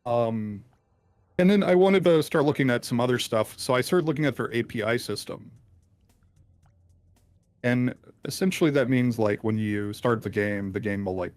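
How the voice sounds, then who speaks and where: A man speaking through a deep, pitch-shifted voice changer as an interviewed hacker, explaining in a hesitant, rambling way with many ums and restarts. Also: moderate pace, a little mellow, no room sound. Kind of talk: casual call-in interview.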